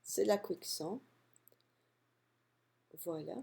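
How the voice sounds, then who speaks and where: A woman calmly walking through a software tutorial step by step, narrating her clicks. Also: on the low side, gravelly, slightly rough. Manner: calm step-by-step explaining, unhurried. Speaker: software instructor. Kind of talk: screen-recorded software tutorial.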